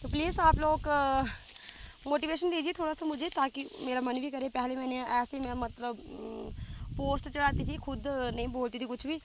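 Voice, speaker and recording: A woman teaching simple English sentences outdoors, reading each sentence and then saying it slowly in English. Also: high-pitched, steady tone, highs cut off. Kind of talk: casual spoken English lesson. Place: outdoors in windy fields while grazing cattle. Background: wind and rural outdoor sounds.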